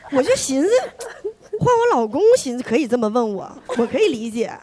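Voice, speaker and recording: A woman's voice: high-pitched, big pitch swings, moderate pace, darkish tone, a little hiss or hum. A woman performing a stand-up comedy set on stage, with a chatty, teasing, punchline-driven delivery. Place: stage before a live audience. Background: audience laughter.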